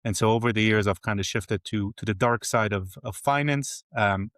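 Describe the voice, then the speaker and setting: A man from Israel in his forties speaks in a lowish voice, candid and lightly joking at his own expense. His podcast interview sound is dry and close, with no room echo at all. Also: normal speed, fairly bright tone. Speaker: guest, games company CFO.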